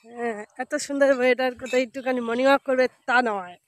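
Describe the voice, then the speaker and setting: High-pitched teasing woman outdoors. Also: fairly even intonation, fast talker, slight background noise. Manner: playful and scolding. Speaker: vlogger's elder sister. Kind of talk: teasing casual chat.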